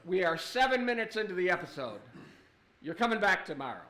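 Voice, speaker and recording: Sardonic, profane comic ranting. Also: male voice, high-pitched, big pitch swings, brisk, bright, forceful tone, reverberant. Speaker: stand-up comedian. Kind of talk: stand-up comedy rant. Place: recording studio.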